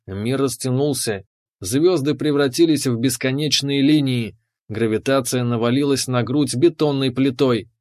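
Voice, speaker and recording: A man's voice: medium pitch, a little mellow. Tense male audiobook narrator. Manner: tense dramatic reading. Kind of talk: first-person audiobook narration.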